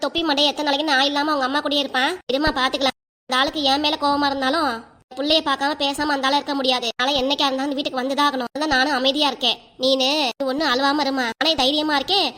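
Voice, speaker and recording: Brief: woman voicing a defiant cartoon wife with a Kanyakumari Tamil accent, bright and quick. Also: high-pitched, flat delivery. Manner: snappy, defiant. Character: defiant young wife, sharp-tongued and hot-tempered. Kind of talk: cartoon voice acting.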